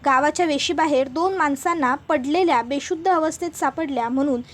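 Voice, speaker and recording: High-voiced woman recapping a serial. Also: fairly quick. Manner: steady storytelling, explanatory. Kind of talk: retelling narration.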